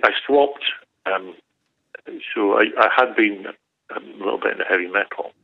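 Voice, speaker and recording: Gravelly low-voiced man on a phone line. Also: normal speed. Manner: rambling, self-correcting, wry. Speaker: interview guest. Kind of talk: relaxed anecdotal storytelling. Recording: tinny phone-line sound.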